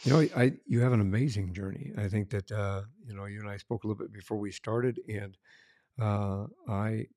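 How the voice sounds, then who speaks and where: A man with a low, mellow voice hosts a casual interview. he rambles a bit, restarting his sentences and chuckling as he goes. the sound is dry and close, with no room echo. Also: steady tone, moderate pace. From Colorado. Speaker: podcast host, former police officer. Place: Arizona.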